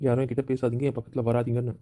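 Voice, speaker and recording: A man's voice: medium pitch, monotone, racing, mellow, natural voice. A man playing a hurt, sulking husband who stubbornly refuses to talk in a family skit. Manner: sulky, repetitive, stubborn.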